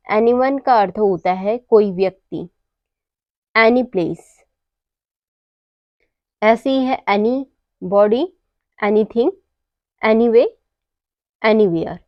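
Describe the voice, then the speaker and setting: Slow, careful woman teaching English words. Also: a little high, no room sound, lo-fi sound. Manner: asks and answers her own questions. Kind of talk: slow explanatory lesson.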